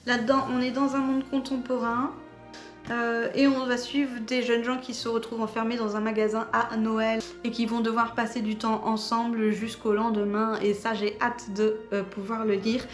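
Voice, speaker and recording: A woman's voice: fairly high pitch, flat delivery, normal speed, echoey room, soft background music. Chatty woman showing off her book haul. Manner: chatty, hesitant, many fillers. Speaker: book vlogger. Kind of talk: casual book haul chat.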